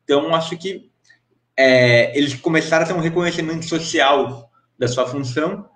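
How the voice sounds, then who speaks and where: A man's voice: on the high side, normal speed, a bit bright, roomy sound. A young Brazilian man answering as an interview guest over a remote call, talking hesitantly with many restarts while his audio glitches and drops out. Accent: Brazilian Portuguese. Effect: glitching, dropping-out audio. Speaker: guest researcher. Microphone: remote call connection.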